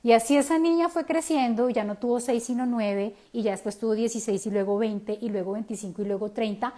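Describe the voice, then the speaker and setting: A woman's voice: fairly high pitch, a little fast. Candid Colombian woman telling her story. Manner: candid and animated, slangy asides. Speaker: self-help speaker. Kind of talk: personal storytelling talk.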